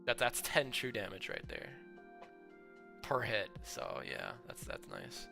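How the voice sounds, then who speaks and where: A young man streaming casual commentary on viewers' game builds, chatty and full of fillers, with excited outbursts. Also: fairly low pitch, slow pace, creaky. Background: faint background music.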